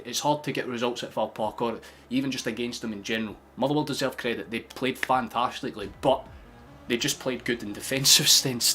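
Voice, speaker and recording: A man's voice: mid-range voice, a little hiss or hum. A young Scottish man hosting a football watchalong stream, chatting casually with lots of swearing and laughter. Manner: excitable, sweary, laughing often. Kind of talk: casual live-stream chat.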